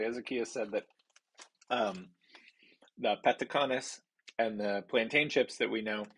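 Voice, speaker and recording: A man, hosting a casual foodie snack review in a halting way, thinking aloud as he describes flavours. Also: on the low side, fairly bright tone, breathy edge. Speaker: food review host. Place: small indoor home office.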